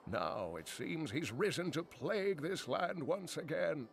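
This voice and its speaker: An actor playing an old male sage and scholarly storyteller in a video game, speaking in a gravelly, measured way. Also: fairly high pitch, animated. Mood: solemn. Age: older.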